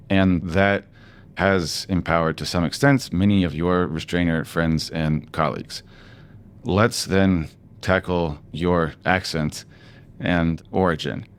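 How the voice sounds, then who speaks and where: A man hosting a podcast interview, asking measured, probing questions. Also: low voice. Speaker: podcast host.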